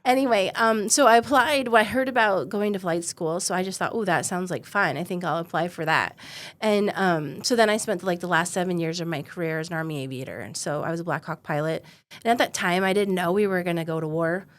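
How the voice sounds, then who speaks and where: A woman in her forties who founded a defense company tells her story as a guest in a conversational interview. Her lowish voice moves briskly, and she's easygoing, laughing often and dropping in plenty of ums.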